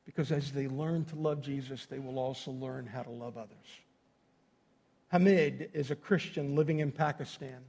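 A male pastor delivers a sermon in a high-pitched voice. He addresses his listeners directly in a folksy, emphatic way, leaning on repeated phrases to drive his point home. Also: dark tone. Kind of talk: sermon to a congregation.

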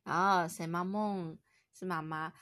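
A woman's voice: fairly low pitch, fairly even intonation, slow, a bit bright, dry recording, studio quality. A young woman with a Taiwanese Mandarin accent, a mother patiently teaching her toddler French words at home, playful and encouraging. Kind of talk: home-recorded French lesson with a child.

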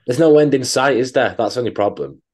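A man's voice: mid-range voice, expressive, fast, darkish tone. A man co-hosting a podcast, chatting casually in a rambling, sweary, joking way. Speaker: podcast co-host.

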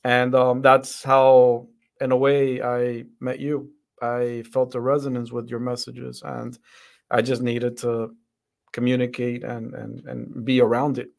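A man from the Dominican Republic, a guest on a podcast, reflecting earnestly on his views. His voice sits at a middle pitch but stays fairly flat, and he often circles back with fillers and repeated words. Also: unhurried, gravelly. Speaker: podcast guest, center director. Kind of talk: interview conversation.

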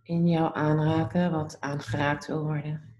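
A woman leading a guided meditation in a calm, soothing, gently instructive way. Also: low voice, a little slow, echoey room.

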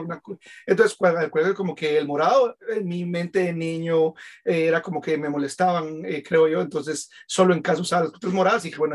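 A man from Guatemala, hosting a casual conversation and often answering with short affirmations. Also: on the high side. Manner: chatty, affirming with frequent short replies. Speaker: host.

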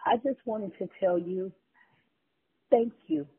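A woman cries while leaving a grateful thank-you voice message, heartfelt and tearful. Her medium-pitched voice is husky, expressive, and slow, and it comes through a tinny phone line.

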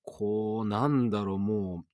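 A man's voice: fairly low pitch, steady tone, slow pace, mellow, no echo, studio quality. A man hosting a solo radio show in a rambling, self-mocking, chatty way. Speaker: radio DJ and podcast host. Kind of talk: casual solo radio talk.

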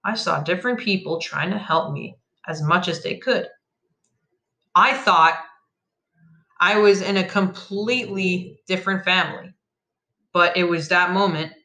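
A storyteller narrating a dramatic first-person tale, emphatic and given to loud outbursts. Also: mid-range voice. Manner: emphatic, shifts from flat telling to loud outbursts.

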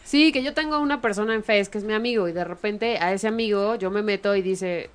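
A woman on a casual radio panel, explaining her point in a measured way. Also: mid-range voice, clean tone.

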